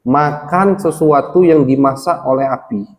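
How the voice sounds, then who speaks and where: A somewhat mellow, medium-pitched male voice leads a religious study lecture in a village gathering hall, where long reverb trails his words. He quotes passages in Arabic, then translates and slowly unpacks each one in plain language.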